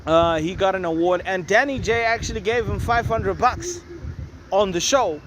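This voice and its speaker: Man, high-pitched, chatty, opinionated, rambling, noisy background music. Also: lively intonation, normal speed. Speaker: host. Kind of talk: casual commentary. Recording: noisy with loud music nearby. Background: neighbours' music and noise.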